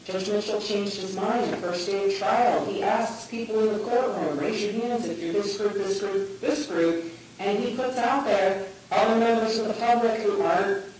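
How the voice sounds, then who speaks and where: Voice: mid-range voice, steady tone, moderate pace, darkish tone. An appellate judge questioning a lawyer in court in a challenging, insistent manner. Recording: very echoey distant courtroom, faint noise.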